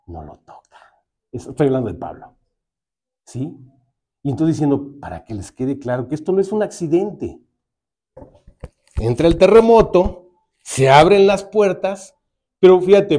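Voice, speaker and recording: A male preacher with a Mexican accent, delivering a sermon as animated storytelling full of rhetorical questions. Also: on the high side.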